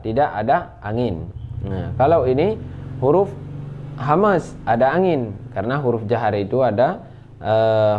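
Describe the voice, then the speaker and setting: Indonesian man, tajwid teacher, unhurried demonstrating delivery, dull lo-fi sound. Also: medium pitch. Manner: slow, patient, drawls sounds and recites in a raised chanting voice. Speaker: Quran recitation teacher. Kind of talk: tajwid lesson on letter articulation.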